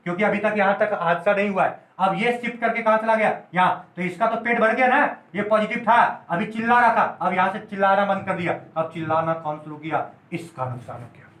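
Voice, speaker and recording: A high-voiced man teaches chemistry at a whiteboard and keeps asking whether his students follow. He explains with playful everyday stories and slows right down to dictate notes. The sound is roomy and echoey. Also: fairly bright tone. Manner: repeatedly checks students follow.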